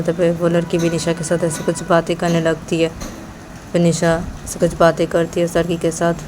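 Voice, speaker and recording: A woman's voice: fairly low pitch, mellow, slight background noise. A woman narrating a romantic story informally, in long run-on sentences joined by "and then". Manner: plain, run-on retelling with many "and then".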